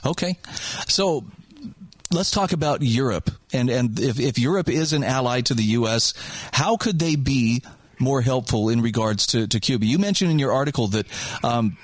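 A man's voice: medium pitch, animated, moderate pace, no echo. Dry-sounding male podcast host. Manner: friendly, conversational questioning. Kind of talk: podcast interview.

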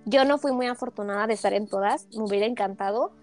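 A young woman co-hosting a podcast, telling a story in a casual, animated and dramatic way. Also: mid-range voice, fast, no echo, soft background music. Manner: excitable, animated, dramatic retelling with laughs. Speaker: podcast co-host. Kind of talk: casual chat, personal storytelling.

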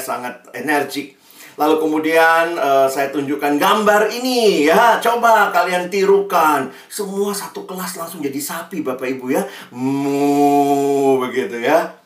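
Speaking straight to an online congregation, this preacher brings energy to the stories in the sermon. The pitch is medium, and a far-off microphone gives the audio a roomy quality.

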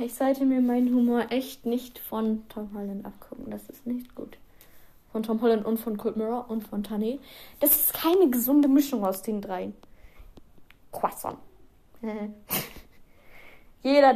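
A teenage girl talks on her own podcast in a loose, chatty way. Her voice sits a little high, and she drifts between topics with self-mocking asides and small giggles. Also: steady tone, moderate pace, a little mellow. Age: teens. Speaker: podcast host. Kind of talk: casual solo podcast chat.

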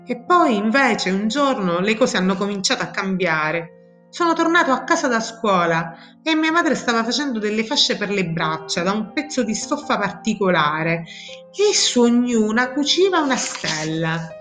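Shmuel, a woman reading as a gentle nine-year-old boy. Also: mid-range voice, sing-song, normal speed. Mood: remembering. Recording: echoey room with background music.

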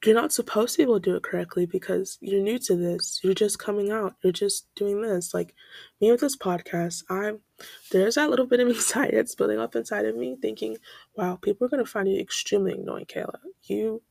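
A woman's voice: mid-range voice, steady tone, fairly quick, creaky, darkish tone, no room sound. A young woman hosting her own podcast from home, rambling in a scattered, self-deprecating way with frequent laughs and a stuffed-up nose. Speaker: podcast host. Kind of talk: casual rambling monologue. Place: bedroom. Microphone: home mic.

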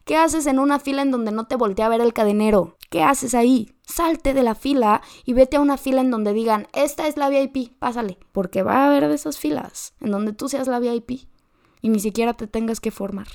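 A woman's voice: fairly high pitch, a little fast, a little mellow. A woman with a Mexican accent, hosting a podcast and giving direct, slangy advice straight to the listener. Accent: Mexican Spanish. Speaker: podcast host. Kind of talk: motivational advice monologue.

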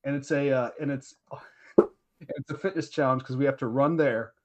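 Man chatting with hesitant pauses. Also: medium pitch, fairly even intonation. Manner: hesitant, many ums, trailing off softly. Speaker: podcast co-host. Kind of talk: casual chat.

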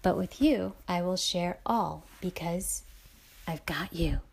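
A woman podcast host talking intimately and unscripted, musing and effusive, with a breathy voice that often drops to a near-whisper. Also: lowish voice, slow pace, a little mellow.

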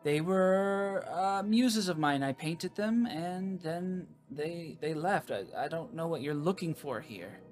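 A woman's voice: on the low side, animated, slow pace, hardly any pauses, darkish tone, soft background music. A woman playing an evasive, indignant male painter, defensive and stammering, in a tabletop game. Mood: nervous, evasive.

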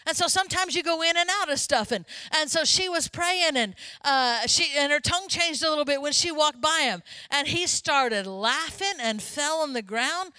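A woman pastor preaching a sermon in a lively, conversational way, often turning to ask the congregation questions. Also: sits high, normal speed, hardly any pauses, no room sound.

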